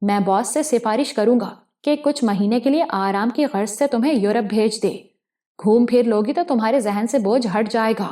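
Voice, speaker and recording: A woman's voice: fairly high pitch, mellow, natural voice. Woman playing a sneering male gangster. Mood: alarmed.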